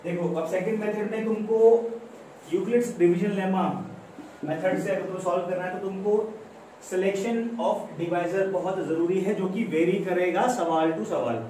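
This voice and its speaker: A high-pitched Indian man with a mellow tone walks through a maths lesson step by step, firing little questions at his students. The room echoes heavily and the mic sits well away from him. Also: steady tone, moderate pace. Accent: Indian English mixed into Hindi. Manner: explains step by step, repeats phrases, coaxes students with questions. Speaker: maths teacher. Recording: very echoey room, mic far off, faint background noise.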